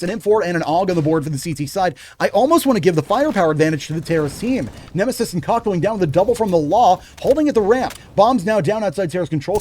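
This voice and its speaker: A man's voice: high-pitched, a little mellow, a little hiss or hum. A young man calling a live video game match play by play, breaking off to chat with viewers. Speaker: game commentator and streamer.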